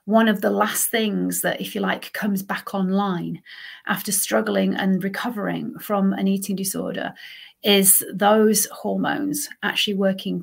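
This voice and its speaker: A woman's voice: medium pitch, vocal fry. A woman, a lifestyle coach hosting a solo podcast and explaining things in a conversational, emphatic way. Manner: conversational, emphatic, checks in with "okay" and "right".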